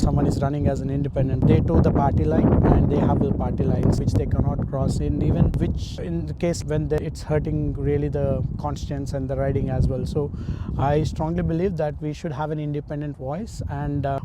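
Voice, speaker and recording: Man, from India, political candidate, interview answers, halting with fillers, slightly high voice, street traffic noise behind. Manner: earnest, halting, with frequent "uh" fillers and restarts.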